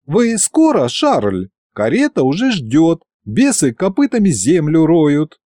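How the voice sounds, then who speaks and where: A man doing a gentle young woman. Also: fairly high pitch, wildly swooping pitch, takes it slowly, dry recording, studio quality, pitched above the performer's own voice, full character voice.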